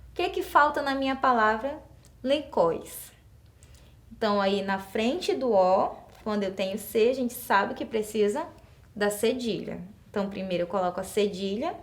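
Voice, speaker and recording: A Brazilian woman teacher with a Brazilian Portuguese accent, explaining exercises patiently and step by step, often asking a question and then answering it herself. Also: mid-range voice. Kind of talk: classroom lesson explaining exercises.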